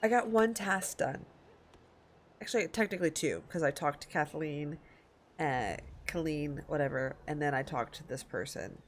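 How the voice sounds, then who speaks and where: An American woman live streamer chats casually while gaming, informal, sweary and easily distracted. Her voice is deep, her speed normal, and a little hiss or hum sits in the background of this laid-back gaming stream.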